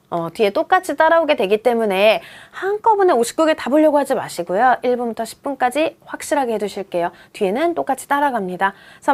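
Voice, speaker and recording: A woman in her thirties teaching a beginner Japanese lesson, coaxing students along with quiz questions. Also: fairly high pitch. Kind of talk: video lesson.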